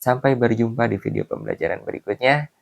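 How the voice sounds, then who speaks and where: A male teacher giving a calm video lesson to schoolchildren, explaining step by step with frequent fillers. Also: medium pitch, quick pace, vocal fry. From Indonesia.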